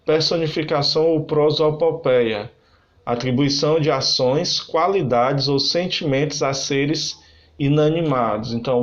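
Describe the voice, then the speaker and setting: A man's voice: a little high, highs cut off. A man teaching a lesson on figures of speech, explaining step by step and often checking in with tag questions.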